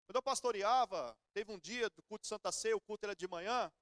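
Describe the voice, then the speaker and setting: A man's voice: high voice, fast talker, a bit bright, dry recording, clean studio sound. A middle-aged Brazilian man preaching a sermon in church, telling everyday stories in a conversational way. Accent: Brazilian Portuguese. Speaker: pastor.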